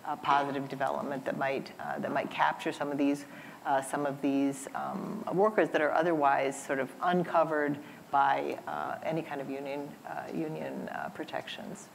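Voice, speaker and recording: Low gravelly woman on a conference panel, halting, repeats herself a lot. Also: flat delivery, a little hiss or hum, poor audio. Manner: halting, many repetitions and fillers. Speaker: panelist, labor scholar. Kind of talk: panel discussion. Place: conference event room.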